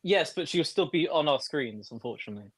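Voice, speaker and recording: A man from England with an English accent, chatting casually about reality TV and repeating words haltingly as he starts. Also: fairly high pitch, expressive, slight background noise. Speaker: podcast panelist. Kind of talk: casual group chat recapping reality TV.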